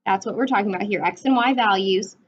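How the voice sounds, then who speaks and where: A woman in her twenties speaks quickly at a medium pitch, teaching math step by step and regularly asking "right?". The classroom recording is dull and lo-fi, with a little hiss or hum.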